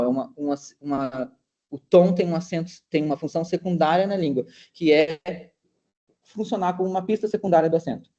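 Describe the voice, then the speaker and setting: Male researcher, seminar talk, mellow voice on the higher side, dull lo-fi call audio. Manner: explanatory, with many hesitations and restarts. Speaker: linguistics researcher presenting. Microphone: video call. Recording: dull lo-fi meeting recording.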